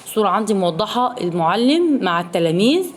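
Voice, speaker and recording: A woman's voice: mid-range voice, very animated, quick pace. A woman teaching a recorded Arabic lesson for young pupils in an Egyptian accent. She asks the children questions and then answers them herself, repeating the key words. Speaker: primary school Arabic teacher.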